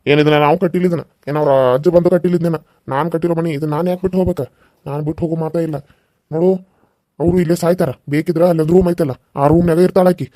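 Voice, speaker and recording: A man with a North Karnataka Kannada accent voicing a stern, gruff father laying down the rules in a cartoon serial. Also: a little high, fairly even intonation, racing, warm tone, dry recording, clean studio sound, natural voice. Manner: gruff, commanding. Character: stern older father, house owner.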